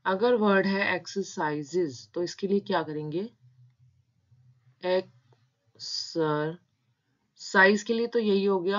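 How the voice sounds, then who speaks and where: A woman teaching shorthand in a tutorial, patiently breaking words into their sounds. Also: mid-range voice. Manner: slow, patient, spelling out sounds. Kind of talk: step-by-step tutorial explanation. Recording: dull lo-fi sound.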